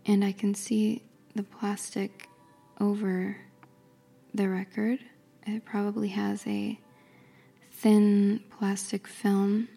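A woman speaks in a soft, careful ASMR whisper. Her delivery is slow and flat, barely rising or falling, with a dark, mellow tone. A husky, gravelly texture runs through her breathy voice. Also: medium pitch. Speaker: ASMR creator. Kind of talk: ASMR whispered reading and description.

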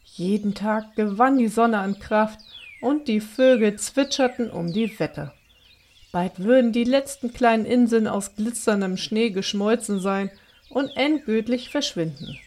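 A woman reading a children's story aloud in a gentle, expressive storytelling manner. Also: a little high, unhurried.

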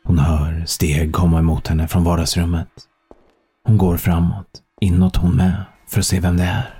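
A man narrating a thriller audiobook in a calm, measured storytelling manner. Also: low voice, slightly rough.

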